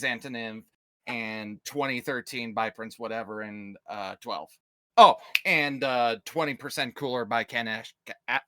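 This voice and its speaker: A man in his late twenties talks on a casual panel. His voice is smooth and clear, in a dry, close sound. He chats loosely and wanders off topic before coming back. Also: medium pitch, bright, forceful tone, no room sound. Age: 20s. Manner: chatty, drifts off topic and back. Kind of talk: casual online panel chat.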